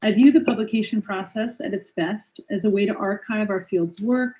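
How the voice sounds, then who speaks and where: A woman editor-in-chief giving a formal, measured recorded video address. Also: medium pitch, lo-fi sound.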